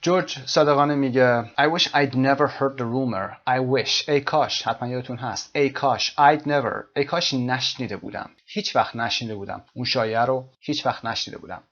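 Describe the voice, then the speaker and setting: A man teaching an English lesson, repeating phrases slowly and then explaining them. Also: mid-range voice, a bit bright, dull audio. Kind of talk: language lesson explaining a text.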